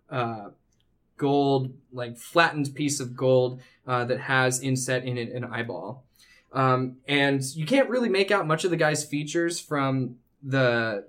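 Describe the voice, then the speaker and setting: Slow, halting male game master. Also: mid-range voice, a bit bright. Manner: halting, descriptive, pausing to find words. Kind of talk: improvised tabletop game narration.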